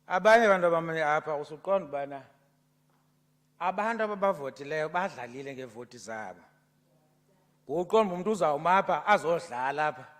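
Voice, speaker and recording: Impassioned South African man in a chamber. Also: fairly high pitch. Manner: oratorical, building to loud impassioned delivery. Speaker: member of a provincial legislature. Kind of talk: parliamentary debate speech. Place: legislative chamber. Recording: long reverb of a legislative chamber.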